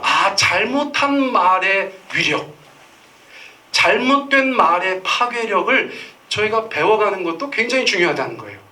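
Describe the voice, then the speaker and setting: A man's voice: sits high, sharp tone, far from the mic. A middle-aged man preaching a Sunday sermon, telling stories and acting out the voices of the people in them. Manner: storytelling, acts out quoted voices. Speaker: pastor. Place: church sanctuary.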